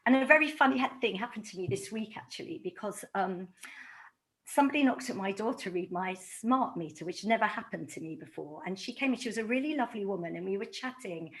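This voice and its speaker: A woman's voice: mid-range voice, quick pace. A middle-aged woman from London, an author giving a talk to a community audience, telling stories with animation and acting out quoted exchanges. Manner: animated storytelling, acts out quoted dialogue.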